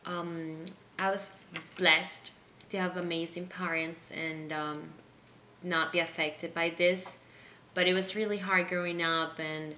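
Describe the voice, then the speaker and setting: Young woman from Venezuela, low voice, earnest and halting, roomy slightly dull recording. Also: a little hiss or hum. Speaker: interviewee playing a charity founder. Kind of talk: staged mock interview.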